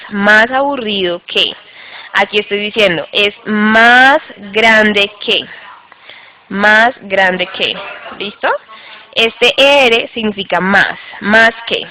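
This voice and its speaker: A woman's voice: on the high side, fairly bright tone, rough recording. A woman teaching English grammar in an online class, patient and repetitive, often checking in with the students. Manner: patient, repeats rules and checks with "listo?". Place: online class by video call.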